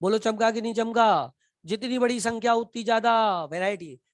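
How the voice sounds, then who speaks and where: A man teaching a live class, shouting and teasing as he quizzes his students in a colloquial way. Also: high-pitched, moderate pace, no room sound, studio quality.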